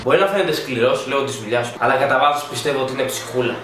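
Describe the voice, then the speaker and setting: A man's voice: medium pitch, a bit bright, soft background music. A man hosting a comedic video commentary, mocking and exclamatory in a sarcastic tone. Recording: very echoey room with faint noise.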